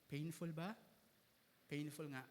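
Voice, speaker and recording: A man's voice: fairly high pitch, level tone, takes it slowly, dark tone, a little hiss or hum. A man preaching a sermon as pastor, switching between Tagalog and English and joking with his congregation. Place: church hall. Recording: reverberant church hall.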